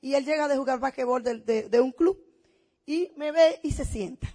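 A woman's voice: sits high, normal speed, warm tone. A middle-aged woman, giving an emphatic, story-driven motivational testimonial as a business speaker.

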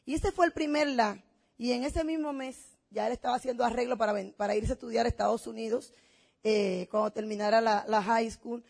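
Emphatic high-voiced woman. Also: steady tone, brisk, creaky, darkish tone. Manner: emphatic, storytelling. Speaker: business speaker. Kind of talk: motivational testimonial speech.

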